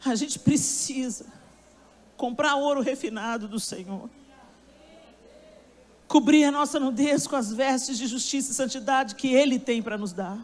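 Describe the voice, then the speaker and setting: A woman preacher delivering a sermon, telling a story with emphasis and speaking straight to her listeners. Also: high-pitched.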